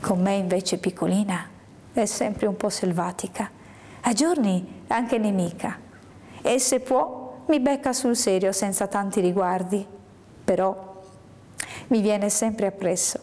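A woman reading a first-person literary story aloud in a measured, hushed way, sometimes sinking into a whisper. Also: medium pitch. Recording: long hall reverb.

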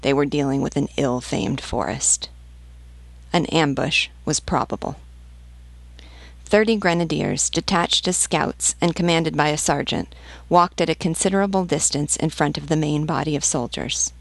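A woman narrates a classic novel aloud, in a measured, deliberate reading. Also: deep voice, gravelly, no room sound. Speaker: audiobook narrator.

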